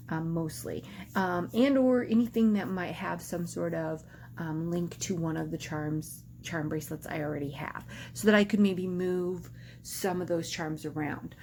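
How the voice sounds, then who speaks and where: Woman vlogger chatting to the camera, kinda low voice, lots of ums, faint hiss behind. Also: fairly even intonation, normal speed, a little mellow. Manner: rambling, hesitant, full of ums and restarts. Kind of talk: casual chat to camera.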